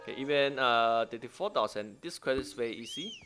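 A gaming YouTuber with a mid-range voice gives casual gameplay commentary in short, exclamatory bursts, speaking fairly quickly with lively intonation. His English phrasing sounds non-native, and game music plays in the background.

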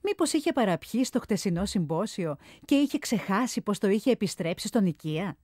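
A woman's voice: mid-range voice, sing-song, mellow, no echo, studio quality. A woman voicing a confident, amused Athenian statesman in a storybook reading. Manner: sure of himself, amused.

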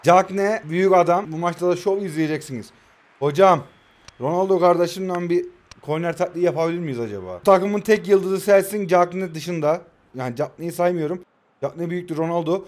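Excitable high-voiced young man commentating a game. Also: a little fast. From Turkey. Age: 20s. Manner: excitable, shouts player names during attacks, swears playfully at the game. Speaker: mobile football gaming YouTuber. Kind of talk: live gameplay commentary.

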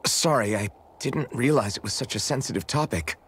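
A man's voice: medium pitch, fairly quick, a bit bright, slightly rough. A man voicing a kind, sincere young male swordsman in a video game.

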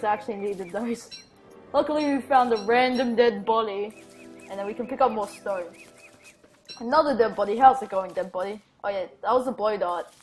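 A woman's voice: medium pitch, rough recording. A woman hosting a casual let's-play, rambling and chatting to herself and to things in the game as she plays. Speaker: gaming channel host.

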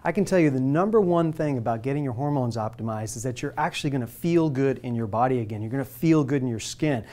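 A man's voice: mid-range voice, animated, quick pace, mellow. A man in his forties giving a persuasive scripted presentation to camera, asking the viewer direct questions, recorded in a studio on a lapel mic. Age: 40s. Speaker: hormone therapy presenter. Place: studio with plain light backdrop.

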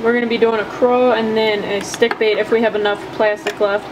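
A woman gives a casual, hands-on tutorial on soft plastic fishing baits from her home workshop bench. She talks a little fast, with a fairly high voice and little pitch movement, sounding upbeat and chatty with lots of fillers over an audible AC hum.

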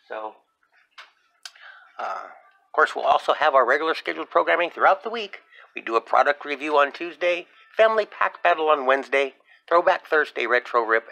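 A man's voice: medium pitch, creaky, sharp tone. A man hosting a sports card vlog from his desk at home, talking casually with lots of fillers. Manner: chatty, upbeat, many fillers. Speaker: sports card channel host. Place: home desk, then convention hall.

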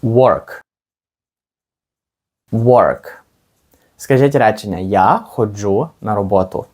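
A man with a Ukrainian accent teaching an English lesson, explaining patiently and saying model phrases slowly for learners to repeat. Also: on the low side, a little mellow. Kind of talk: language lesson with slow repetitions.

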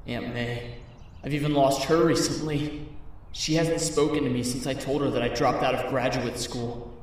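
A man voicing Peter Parker, a kind, thoughtful young man, speaking gently and reflectively in a comic dub. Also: mid-range voice, fairly even intonation, normal speed, heavy reverb, far from the mic, a little hiss or hum, close to an everyday voice, rough recording.

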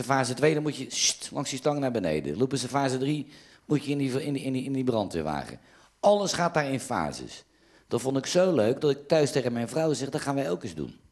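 A man with a Dutch accent telling jokes as a stand-up comedian, raising his voice whenever he quotes someone. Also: mid-range voice. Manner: lively storyteller who raises his voice for quoted lines. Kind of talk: joke telling.

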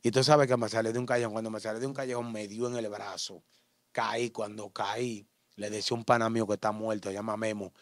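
A man with a Dominican accent giving an interview testimony in street slang, acting out shouts and gunshots as he tells it. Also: lowish voice, fast talker, no echo. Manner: animated, acts out shouts and gunshots.

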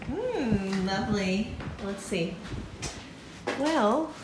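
A woman's voice: mid-range voice, animated, drawn-out words. Chatty woman hiker on a windy summit. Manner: chatty, upbeat, wry asides. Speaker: thru-hiker vlogger. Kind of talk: casual vlog narration. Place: outdoors on a windy mountain trail and summit. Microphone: phone at arm's length. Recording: loud wind noise on the phone mic.

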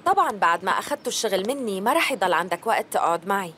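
A woman's voice: medium pitch, big pitch swings, rapid-fire, sharp tone, slight background noise. An actress playing an ambitious, resentful woman in a dubbed TV drama. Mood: resentful, cutting. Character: ambitious, cutting, resentful woman needling her partner.

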